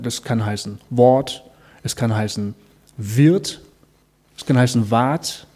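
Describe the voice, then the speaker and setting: Mellow-voiced man giving a faith talk. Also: medium pitch. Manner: explains calmly, speaks directly to the listener; asks rhetorical questions.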